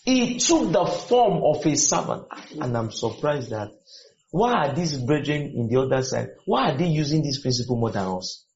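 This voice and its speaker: A man's voice: mid-range voice, big pitch swings, normal speed, a little mellow. A man preaching a sermon to students, firing questions at them and repeating his points. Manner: questioning, exhorting, repeats lines. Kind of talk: sermon with call and response. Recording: echoey room, dull lo-fi sound.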